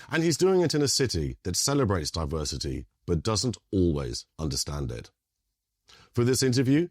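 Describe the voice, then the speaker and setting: A man's voice: low voice, a little mellow, no room sound, clean studio sound. A man hosting a podcast, delivering scripted introductions and interview questions. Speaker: podcast host, documentary producer.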